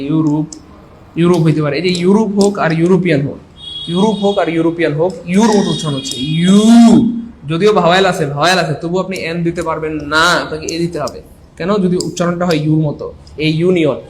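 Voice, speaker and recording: High-voiced energetic Bangladeshi male teacher. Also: a little hiss or hum. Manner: energetic, repeats points and quizzes listeners. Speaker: English teacher. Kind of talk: exam-prep grammar lesson.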